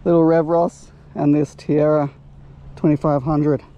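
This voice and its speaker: A young Australian man chatting excitedly while fishing on a lake bank, swearing and cheering his catch on, recorded on a chest-mounted action camera. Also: a little high, measured pace. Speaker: fishing vlogger. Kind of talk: casual chat while fishing.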